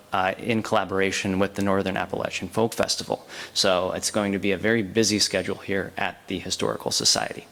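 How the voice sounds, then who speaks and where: Man, low voice, event host, informal, echoing hall. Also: a bit bright. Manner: informal, with many fillers. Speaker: historical society host. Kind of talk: event announcements and speaker introduction. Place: event room at a local historical society. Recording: long reverb in a hall.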